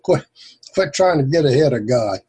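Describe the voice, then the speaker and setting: Breathy folksy man leading a group. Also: medium pitch, animated, moderate pace, mellow. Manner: folksy, calls on speakers by name. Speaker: prayer group leader. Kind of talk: casual group discussion.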